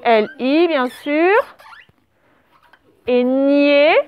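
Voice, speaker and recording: A woman teaching a primary school class, correcting a dictation and spelling words out letter by letter with patient pauses. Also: high voice. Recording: dull lo-fi sound.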